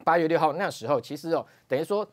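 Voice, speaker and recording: A man with a Taiwanese Mandarin accent giving TV talk-show political analysis, tacking drawn-out "哦" onto phrases and punching key points with sudden rises. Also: fairly high pitch. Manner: frequent "哦" particles, emphatic rises. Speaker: political commentator. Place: TV studio.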